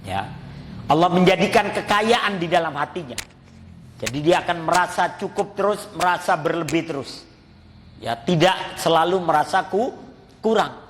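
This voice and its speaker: A man's voice: on the high side, animated, normal speed, a bit bright, slight background noise. A man giving a mosque sermon, telling stories, acting out the voices in them and addressing his listeners as Pak. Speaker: preacher. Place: mosque hall. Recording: long reverb of a mosque hall.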